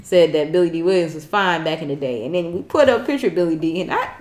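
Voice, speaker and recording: A woman co-hosting a podcast, telling stories in an animated, joking casual chat. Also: fairly low pitch, fast talker, reverberant. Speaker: podcast co-host.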